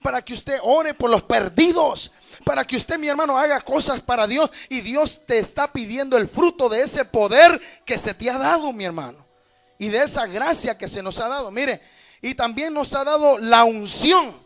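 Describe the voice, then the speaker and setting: High-voiced preacher man. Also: animated, normal speed. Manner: fervent preaching, rising to shouts. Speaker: pastor. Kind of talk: sermon. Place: church.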